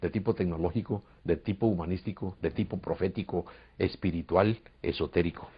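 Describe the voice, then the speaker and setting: Low-sitting and husky, the voice belongs to a Costa Rican man with a Costa Rican Spanish accent who speaks fairly quickly. He's an interviewee and UFO contactee earnestly narrating a long story, hesitating along the way, on a dull lo-fi recording.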